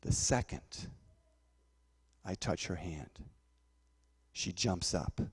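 A man's voice: deep voice, expressive, slow, slightly rough. A man preaching a sermon as pastor, telling a personal testimony and acting out the voices of people in his story. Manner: storytelling, acts out voices, repeats words.

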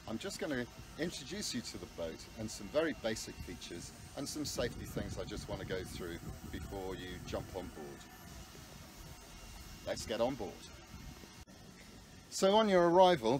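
A sailing school skipper in his fifties with a mid-range voice gives a friendly walkthrough demonstration of a small sailing yacht, explaining each step in a practical, casual way. The boat tour moves from outdoors on deck into the cabin and is filmed on a handheld phone camera.

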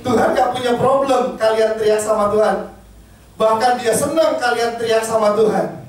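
A man preaching to a congregation with a very high, animated voice, lively and conversational, often putting questions to the room. He is heard from some distance in a strongly echoing church hall. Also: moderate pace. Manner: animated, asks the congregation questions and leads group reading. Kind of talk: sermon mixing Indonesian and English. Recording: echoey hall, mic at a distance.

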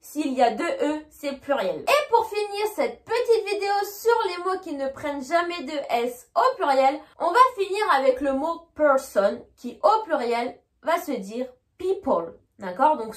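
A woman teaching an English grammar lesson, explaining clearly and repeating points, slowing down on each example sentence. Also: sits high, sing-song, echoey room.

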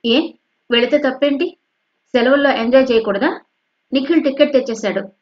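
A woman's voice: sits high, moderate pace, pitched above the performer's own voice, close to an everyday voice. A woman voicing a defiant, sulky teenage girl who snaps back at her mother. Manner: snappy, retorting. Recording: dull lo-fi recording.

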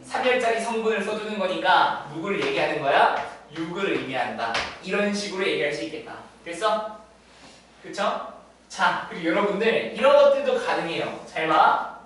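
A male math teacher giving a classroom lecture, often stopping to check in with students through quick tag questions. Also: sits high. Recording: echoey room, distant mic, faint noise.

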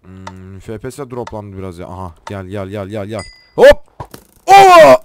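A young man hosting a gaming channel, giving live commentary on a Minecraft match and swinging from muttering to excited yelling. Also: low voice, normal speed, slight background noise.

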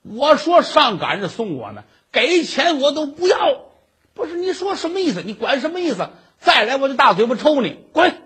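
A man's voice: sits high, wildly swooping pitch, husky, full character voice. A male storyteller voicing a blustering middle-aged tavern keeper. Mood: angry. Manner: blustering, quick to shout.

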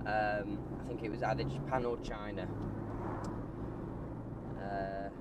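While driving, a man gives a casual vlog monologue, hesitating and correcting himself as he goes. His voice is low-ish and flat, and he speaks slowly. Loud engine and road noise fill the inside of the moving car.

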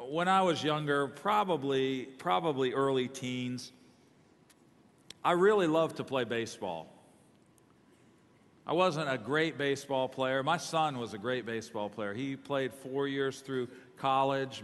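A man's voice: mid-range voice, measured pace. Middle-aged male preacher in a reverberant hall. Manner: self-deprecating humor, lively swings in volume. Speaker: guest preacher. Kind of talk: sermon with personal storytelling. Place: large church worship hall. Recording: long reverb of a large hall.

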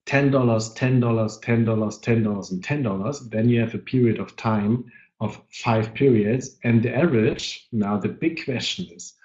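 A man who is not a native English speaker presents a live trading webinar, talking haltingly and searching for words while he has a cold. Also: mid-range voice, darkish tone. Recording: dull lo-fi webinar audio.

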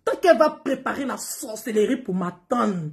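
High, animated woman scolding. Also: normal speed, creaky. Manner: scolding, confrontational, keeps repeating "oui, oui". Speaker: social media personality. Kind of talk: angry direct-to-camera rant.

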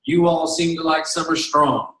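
A middle-aged man gives an emphatic motivational speech from a stage, hammering home a slogan. His voice is high and bright and carries some force. It is heard from a distance in a large, echoey hall. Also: little pitch movement, moderate pace, slight background noise. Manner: emphatic, repeats a slogan, tells stories with quoted voices. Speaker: company executive addressing coaches.

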